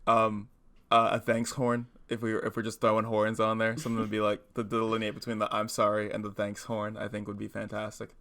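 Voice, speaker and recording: A man's voice: lowish voice, completely flat delivery, a little fast, a bit bright. A man co-hosting a podcast, chatting casually and rambling with frequent laughs. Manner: rambling, laughs often, playful. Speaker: podcast co-host. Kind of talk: casual chat.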